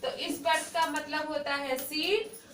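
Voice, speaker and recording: A woman with a very high, bright voice teaches a class patiently, asking questions and checking that everyone follows. She is recorded from a distance in an echoey classroom with faint background noise. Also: little pitch movement, a little slow. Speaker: English teacher. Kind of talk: classroom lesson.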